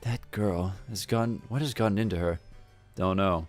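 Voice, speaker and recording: A man's voice: low voice, moderate pace, soft background music. A man casually reading an interactive story aloud, adding wry comments of his own. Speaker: storyteller and video creator.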